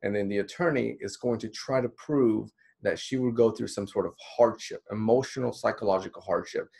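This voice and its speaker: Man, thirties, from the Dominican Republic, lower register; counselor leading a friendly training slideshow. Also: a little fast, creaky, darkish tone, breathy edge. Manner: conversational, encouraging, with many fillers. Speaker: counselor teaching a course. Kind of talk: recorded slideshow lecture. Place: small indoor room.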